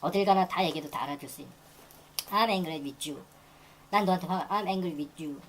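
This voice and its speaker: A woman teaching English grammar in a lecture, repeating phrases and reading example sentences very slowly. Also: on the low side, slight background noise, rough recording. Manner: repeats phrases and restarts while explaining.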